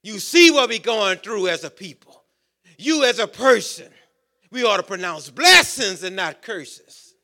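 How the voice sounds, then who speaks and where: A man preaches in with a high, bright voice. He builds his points through rhythmic repetition and calls out questions to the congregation. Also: very animated, measured pace. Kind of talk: sermon.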